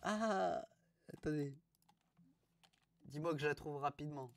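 A young man streaming live, mocking restaurant reviews in a crude, animated way. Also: on the high side, a little slow, vocal fry, a little hiss or hum.

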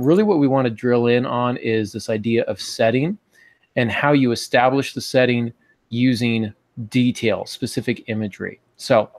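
A man in his forties, a writing teacher, hosts a podcast about writing from a small home office. His mid-range voice carries no echo, and he chats in an easygoing, lightly joking way.

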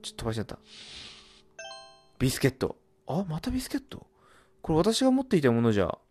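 A man doing horror game commentary, muttering and reading game text aloud, then bursting into loud startled yelps. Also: a little high, huge pitch swings, fast, soft background music. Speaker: let's play gamer.

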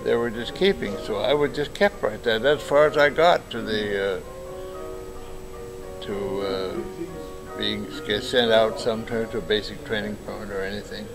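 A man in his nineties, born in Japan, telling stories in a halting, rambling way with many fillers and restarts, recorded by a camera across a table in a large lounge. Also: on the low side, over music, poor audio. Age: 90s. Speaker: interviewee. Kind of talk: casual storytelling. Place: large bright lounge, indoors.

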